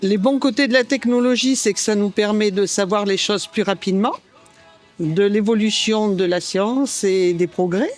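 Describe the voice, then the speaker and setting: A woman's voice: medium pitch, moderate pace, soft background music. A woman giving a short, unscripted answer as an interviewee.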